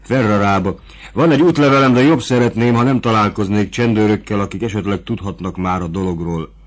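A man reading an audiobook, voicing an eager young nobleman on the run, lifting his voice higher and louder. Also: close to an everyday voice. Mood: urgent.

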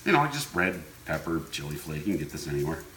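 Deep-voiced laid-back man cooking in echoey kitchen. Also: sing-song, fast. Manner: laid-back, easygoing, offhand. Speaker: home cooking show host. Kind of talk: casual cooking demonstration, talking while working. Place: indoor kitchen. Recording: echoey room with clear kitchen sizzle noise. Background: frying sizzle and stirring.

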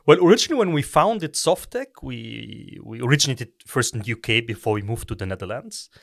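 A middle-aged man from Egypt, a company co-founder, giving measured explanations as a podcast guest with frequent restarts. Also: medium pitch, lively intonation, creaky, dry recording, studio quality. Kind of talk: podcast interview.

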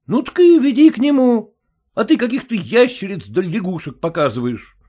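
A man reading an audiobook, voicing a hot-tempered middle-aged husband who scolds loudly and blusters at a servant. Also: sits high, lively intonation, moderate pace, pitched above the performer's own voice. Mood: angry.

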